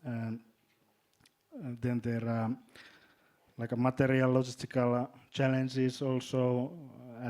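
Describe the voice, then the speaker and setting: A man from Finland with a Finnish accent, speaking as a panelist in a hesitant way, often repeating words and filling pauses. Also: mid-range voice, dark tone. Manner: halting, repeats words, many fillers. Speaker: panelist, drone company executive. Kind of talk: panel discussion.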